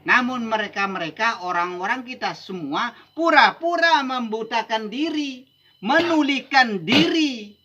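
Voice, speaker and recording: A man's voice: very high voice, expressive, measured pace, highs cut off, background noise. A man from Indonesia teaching Sufi mysticism in a rhythmic, emphatic way, often ending points with "begitu". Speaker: religious teacher.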